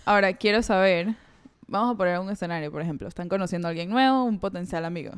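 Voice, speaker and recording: A woman co-hosting a podcast in casual chat, telling stories in a wry, measured way with English phrases mixed in. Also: fairly low pitch, smooth. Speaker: podcast co-host.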